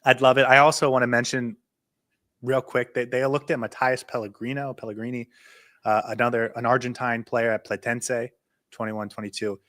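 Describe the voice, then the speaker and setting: A man co-hosting a casual podcast, talking excitedly and quickly until he runs short of breath. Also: medium pitch. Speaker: podcast co-host. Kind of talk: casual chat.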